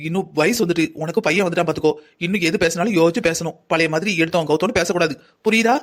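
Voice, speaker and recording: A man's voice: on the high side, very fast, natural voice. A man voicing a stern middle-aged mother in a cartoon story who scolds her daughter with rhetorical questions. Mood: lecturing.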